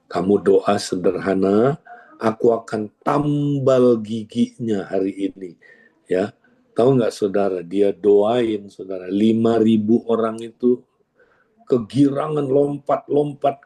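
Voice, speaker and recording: Male pastor, mellow warm tone, animated sermon storyteller who keeps calling out to the congregation. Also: mid-range voice. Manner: animated storytelling, acts out dialogue, constantly addresses listeners.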